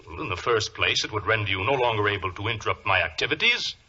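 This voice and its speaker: Suave, sharp-voiced Professor Moriarty, old radio villain. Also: male voice, on the low side, lively intonation. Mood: gloating menace. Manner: polite, deliberate, gloating. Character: suave villainous professor, scheming and menacingly courteous. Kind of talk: 1940s radio drama acting. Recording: muffled, hissy vintage radio recording.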